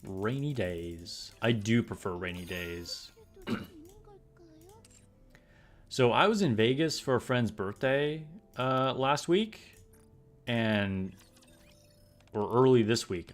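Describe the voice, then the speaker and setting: A man's voice: fairly low pitch, animated, slow, long pauses, faint music behind. A man streaming a game, chatting casually with viewers in a laid-back, rambling way full of fillers. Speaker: gaming streamer. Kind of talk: casual live-stream chat.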